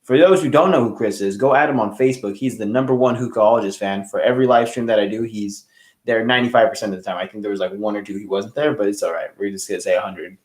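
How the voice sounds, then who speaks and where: A man's voice: lowish voice, quick pace, reverberant. A man hosting a casual hookah review livestream, chatting loosely and greeting viewers by name. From California.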